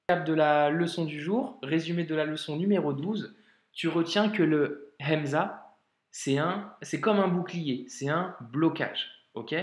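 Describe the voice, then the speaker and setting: A man teaching a video lesson in a patient, informal way, talking straight to the learner and drawing out example words slowly. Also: on the high side. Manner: slow, drawn-out modeling of example words. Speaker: Arabic reading teacher. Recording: echoey room.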